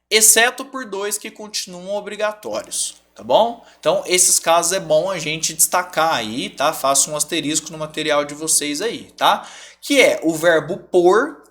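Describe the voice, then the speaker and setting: A man with a Brazilian Portuguese accent teaching a grammar lesson, repeating example words slowly and checking in often with his students. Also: sits high, a bit bright.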